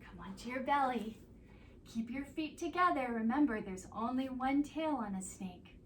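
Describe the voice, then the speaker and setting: A woman leading a preschool yoga class, giving gentle, sing-song prompts to children. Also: sits high, animated, normal speed, a little hiss or hum. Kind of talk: guided kids' yoga instruction. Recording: echoey room, mic at a distance.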